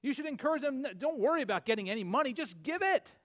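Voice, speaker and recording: Man, 40s, pastor, high voice, earnest sermon, emphatic swells. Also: animated, quick pace, fairly bright tone. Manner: earnest, rising to emphatic peaks then dropping low.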